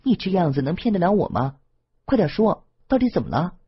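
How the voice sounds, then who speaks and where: 一名男性朗读者在有声小说中扮演一个焦急不安、连声追问的年轻女子，录音音质发闷。. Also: male voice, on the high side, wildly swooping pitch, brisk, husky, lo-fi sound, voice pushed up, heavily acted. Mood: anxious. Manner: urgent, pleading questions.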